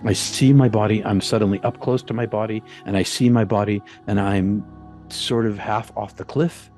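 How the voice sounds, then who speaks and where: A man recounting a personal experience in a halting way, often repeating words and restarting. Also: on the low side, steady tone, a little mellow, soft background music. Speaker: storyteller. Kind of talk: personal testimony.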